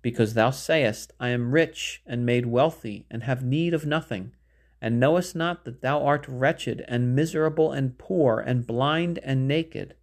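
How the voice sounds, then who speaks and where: A man reading scripture aloud in a measured, solemn way, phrasing archaic verse with care. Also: medium pitch. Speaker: Bible reader.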